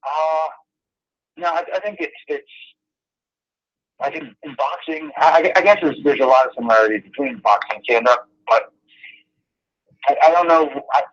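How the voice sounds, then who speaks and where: A man's voice: fairly high pitch, normal speed, pauses often, fairly bright tone. A man talking over the phone as an interview guest, telling rambling, self-deprecating stories in a casual way. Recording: muffled phone line.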